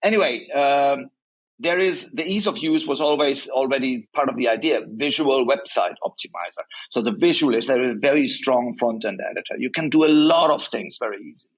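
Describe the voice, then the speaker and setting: Male interview guest, mid pitch, walks through points in order and keeps checking in with "right?". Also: fairly quick, slightly rough, rough recording. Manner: explains point by point, often adds "right?". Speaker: guest, software company regional director. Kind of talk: casual interview talk.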